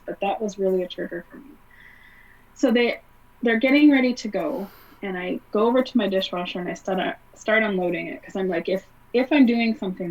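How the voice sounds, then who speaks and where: A woman's voice: medium pitch, a little mellow. A woman, a guest on an interview podcast, telling a personal story in a casual, conversational way, with many fillers. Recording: slightly distant, dull podcast audio.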